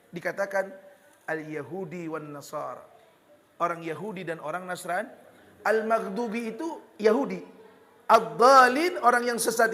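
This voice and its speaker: A man with a Betawi accent preaching a lively, joking sermon, slipping into Betawi slang. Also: sits high, in a large hall. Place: hall with religious gathering.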